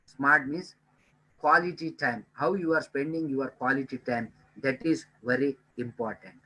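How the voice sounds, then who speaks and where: A man's voice: medium pitch, a little slow, pushed and bright, slightly rough, low-quality recording. A man giving a time management webinar lecture, earnestly repeating key points and addressing listeners as dear friends.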